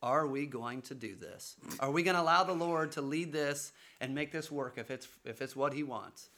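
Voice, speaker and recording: A man telling, in a casual conversational way, how his family chose to follow a calling, speaking earnestly with halting restarts. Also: mid-range voice, pushed and bright. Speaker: father sharing a family's mission call.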